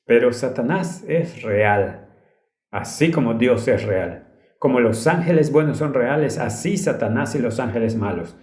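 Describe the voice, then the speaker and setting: A man's voice: medium pitch, animated, measured pace, darkish tone. A man preaching a sermon, telling a story in an earnest and urgent way. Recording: roomy echo.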